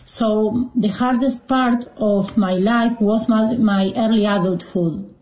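A young woman from Argentina, a native Spanish speaker, speaking English in an interview with hesitant pauses and fillers. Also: mid-range voice. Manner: hesitant, with frequent fillers and restarts. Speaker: guest. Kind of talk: personal account in an interview. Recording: roomy, dull-sounding recording.

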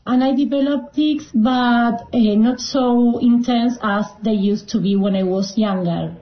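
A young woman from Argentina whose first language is Spanish tells her story as an interview guest, slowly and with hesitant restarts. Her voice sits a little high. The recording is roomy and somewhat dull. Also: fairly even intonation. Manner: hesitant, with frequent fillers and restarts. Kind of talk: personal account in an interview.

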